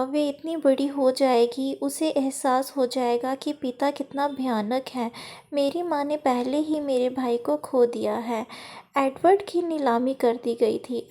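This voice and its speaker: Woman reading a story in a high, mellow voice. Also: gravelly. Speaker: story narrator. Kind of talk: first-person novel reading.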